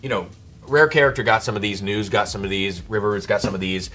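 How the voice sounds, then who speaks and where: A man's voice: on the low side, fast talker, bright, forceful tone, faint music behind. A man hosting a live whiskey tasting stream, exclaiming, swearing freely and thinking aloud as he tastes.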